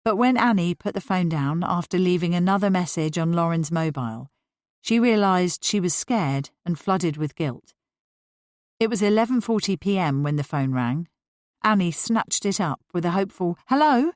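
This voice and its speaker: A woman narrates an audiobook in a steady, clear way. Her voice sits somewhat low and the sound is dry and close. The reading keeps an even storytelling pace. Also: moderate pace, no echo. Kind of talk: scripted narration of a novel.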